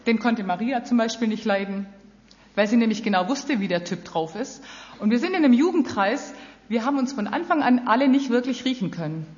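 A woman preaching with a fairly high voice, addressing her listeners earnestly and directly. The recording is muffled and dull, with a long reverb trailing off the walls of a large hall. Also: lively intonation, brisk, a little mellow. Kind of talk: sermon.

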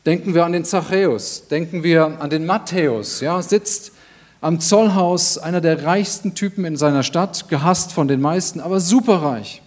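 A man delivering a sermon in a slightly raised voice. He speaks earnestly and with emphasis. He lets phrases land with deliberate pauses and builds on repetition. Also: a little high. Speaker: preacher.

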